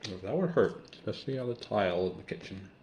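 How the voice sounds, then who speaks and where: A vlogger narrates his daily routine in his home kitchen, talking plainly and matter-of-factly through each step as he does it. He talks fast in a lowish voice with lively intonation. Background noise is loud.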